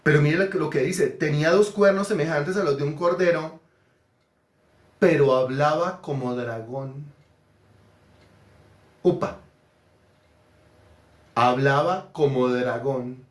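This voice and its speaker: A man's voice: fairly high pitch, slow pace, long pauses, echoey room. A man preaching an interactive sermon, asking questions and praising the answers. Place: church hall.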